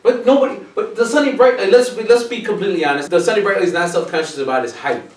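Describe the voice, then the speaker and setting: A slightly high-voiced man hosting a comedy sketch, teasing and joking with his guest and stumbling over words as he goes. He sits back from the mic, so his voice sounds roomy and echoey. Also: fast. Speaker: host. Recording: echoey room, mic at a distance.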